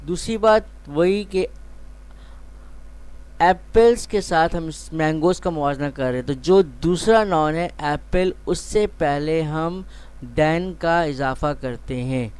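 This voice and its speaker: A male teacher giving a grammar lecture. He speaks slowly and deliberately and stretches out each example word. His voice is smooth and clear and sits a little high. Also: a little mellow. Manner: slow, deliberate explanation, drawing out example words.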